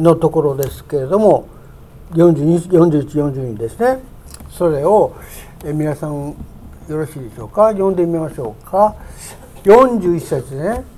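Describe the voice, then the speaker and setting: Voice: mid-range voice, mellow, a little hiss or hum. Emphatic preacher with swelling peaks. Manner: swells to emphatic, raised peaks on key words; slows down to read scripture aloud. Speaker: pastor. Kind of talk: sermon. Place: church sanctuary with projector.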